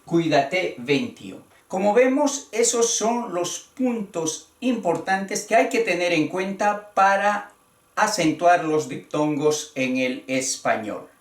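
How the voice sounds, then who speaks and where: A man teaching a grammar lesson, slow and deliberate, repeating key words as he explains. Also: sits high, expressive, distant mic. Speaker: Spanish teacher. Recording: roomy sound from away from the mic.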